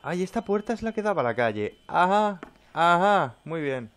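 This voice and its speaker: A man's voice: fairly high pitch, sing-song, fast talker. Jumpy, swearing gamer man. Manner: jumpy, swearing, yelping when frightened. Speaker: gameplay commentator. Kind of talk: let's play commentary.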